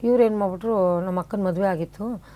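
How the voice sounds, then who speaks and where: A woman's voice: mid-range voice, a little fast. An older woman with a Kannada accent, a guest actress telling life stories in a casual interview and acting out quoted dialogue. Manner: animated storyteller, acts out quoted dialogue.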